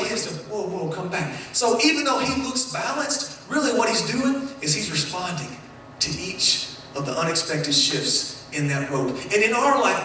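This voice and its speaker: A man delivers a sermon with a high, bright voice, his words ringing around a roomy church hall. The mic sits some way off from him. He keeps things playful and animated, joking with the people in front of him. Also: recorded from a distance, a little hiss or hum. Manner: playful, animated, jokes with the congregation. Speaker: pastor. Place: church sanctuary.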